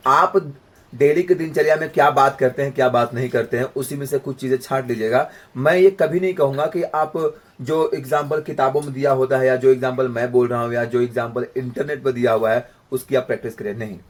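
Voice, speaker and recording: Brisk and fairly even in intonation, a man with a mid-range voice leads an informal voice practice lesson. He demonstrates, explains with everyday examples and checks in with the listener along the way, speaking as a coach.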